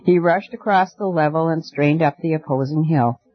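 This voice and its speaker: A man reading a storybook aloud in a measured, expressive way. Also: on the high side. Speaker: audiobook narrator. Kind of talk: scripted storybook narration. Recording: dry, dull lo-fi recording.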